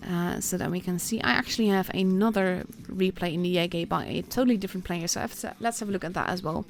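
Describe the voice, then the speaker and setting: A Dutch woman from the Netherlands hosts a game stream, giving casual, chatty live commentary and reacting as play unfolds. She talks fast in a fairly low voice with a Dutch accent.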